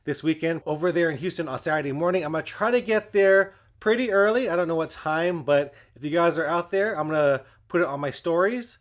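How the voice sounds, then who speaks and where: A man's voice: fairly high pitch, a little fast, few pauses. A man chatting casually to his viewers as a running vlogger. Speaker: running vlogger and channel host.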